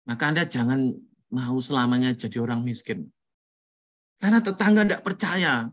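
A man lecturing students in a motivational talk, telling stories in an animated way. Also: medium pitch, moderate pace. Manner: animated storyteller, acts out quoted voices. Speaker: university lecturer.

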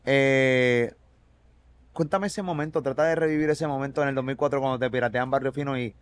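A man's voice: medium pitch, fairly even intonation, a little fast, clear, resonant tone, no room sound. A man with a Puerto Rican accent hosts a casual interview. He is chatty and leads into his questions with his own memories. His voice sits in a medium range. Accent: Puerto Rican Spanish. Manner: chatty, prompting questions with recollections. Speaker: interview host.

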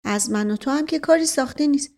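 A wry, easygoing older nobleman who teases in relaxed banter, read by a woman narrator. The voice stays fairly high for him. It comes across as a storybook figure. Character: easygoing older male prince, wry and teasing. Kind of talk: audiobook character reading.

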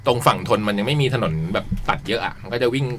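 A man hosting a casual chat, relaxed and playful, laughing often and asking easy questions. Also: mid-range voice, quick pace, crowd noise. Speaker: podcast host.

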